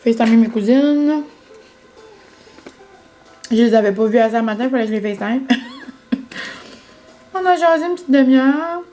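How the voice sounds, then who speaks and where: A woman's voice: high-pitched, animated, moderate pace, long pauses, warm tone, faint music behind. A young woman chatting casually to her vlog audience, with many fillers and English words. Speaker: vlogger. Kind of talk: casual vlog chat to camera.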